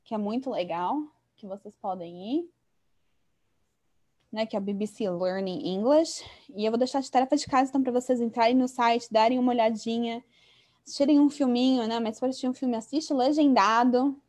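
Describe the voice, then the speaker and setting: A woman runs an online English lesson, walking through idioms one after another. She talks in a casual, chatty teaching tone and keeps checking in with her students through quick tag questions. Her voice sits a little high. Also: fairly even intonation, darkish tone.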